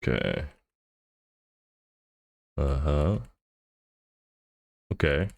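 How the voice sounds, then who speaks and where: A man's voice: very deep voice, very animated, very slow, gravelly, dry recording. A man streaming live, thinking aloud and muttering to himself as he edits an animation in a casual, laid-back way. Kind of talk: casual livestream commentary while animating.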